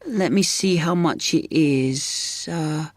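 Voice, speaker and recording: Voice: mid-range voice, slow, no echo. An actor playing a helpful electronics shop assistant, explaining products in a scripted listening exercise. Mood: helpful, informative. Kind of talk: scripted listening-test role-play.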